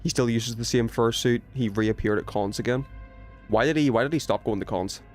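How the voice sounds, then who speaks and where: Over soft background music, a young adult man with a medium-pitched voice speaks a little fast as he livestreams a horror game. He keeps things playful and casual with his viewers, reading their chat aloud, answering, teasing and swearing lightly.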